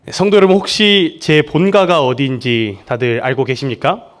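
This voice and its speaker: At a church service, a young junior pastor from Seoul, South Korea, preaches a sermon in a friendly, joking manner, often laughing with the congregation. His voice is mid-range, with fairly even intonation and a moderate pace.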